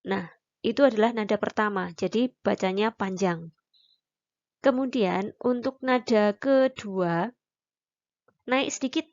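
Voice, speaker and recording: Slow, patient woman teaching tones. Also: mid-range voice, darkish tone, highs cut off. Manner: patient, demonstrates each syllable slowly. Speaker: Mandarin teacher. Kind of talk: recorded online lesson.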